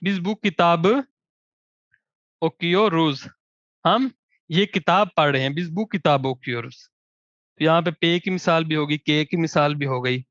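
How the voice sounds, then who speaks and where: Man teaching, slow drawn-out examples. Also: a little high, fairly bright tone, no echo. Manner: slow, drawn-out example words between quick explanation. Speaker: language teacher. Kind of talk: explaining grammar with spoken examples. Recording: dry, dull lo-fi recording.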